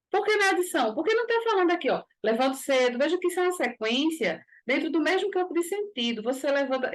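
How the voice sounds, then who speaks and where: A woman with a Brazilian Portuguese accent teaching a grammar lesson for exam preparation, explaining step by step and checking in with frequent tag questions. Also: high voice.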